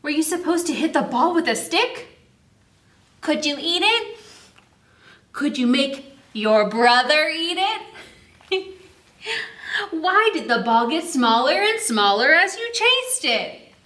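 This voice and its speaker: This high-pitched woman hosts a story time for kids, her voice sounding roomy. She reads a picture book in an expressive, exaggeratedly slow way, turning to the children with questions.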